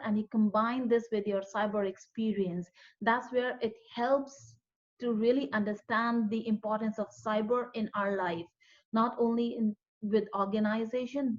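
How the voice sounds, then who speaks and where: A woman's voice: fairly high pitch, a little mellow. Woman interviewer on a dull lo-fi line. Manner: affirming, summarizes the guest's points. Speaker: interviewer, host. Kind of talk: interview questions and summaries. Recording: dull lo-fi audio.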